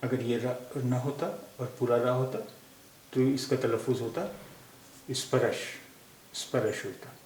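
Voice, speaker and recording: A man teaching a language lesson, repeating each word slowly to show how it is pronounced. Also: mid-range voice, steady tone, darkish tone. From India. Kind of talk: slow explanatory lesson. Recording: echoey room with faint hiss.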